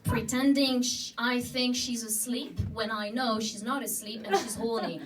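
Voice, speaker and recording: A woman's voice: a little high, steady tone, moderate pace. A young woman from France with a French accent, performing a giggly, self-deprecating stand-up set. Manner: chatty, self-deprecating storytelling with frequent giggles. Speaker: stand-up comedian. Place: comedy club stage with a live audience. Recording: distant club recording with audience laughter. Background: audience laughing.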